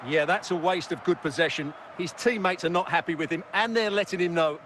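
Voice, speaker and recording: A man giving co-commentary on a football match, summing up each play in a measured way, recorded in a studio and played from a game. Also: high voice, fairly bright tone, slight background noise. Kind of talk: sports analysis.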